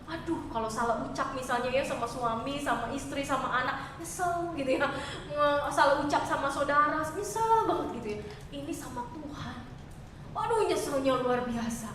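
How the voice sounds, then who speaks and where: A woman pastor giving a chatty, expressive sermon and asking her congregation questions. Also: sits high, moderate pace, background noise. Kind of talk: conversational sermon. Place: church hall. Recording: echoey church hall, mic far off.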